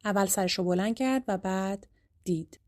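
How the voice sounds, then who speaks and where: A woman with a Persian accent teaching an English grammar lesson, explaining quickly and reading English examples slowly and clearly. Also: medium pitch, darkish tone.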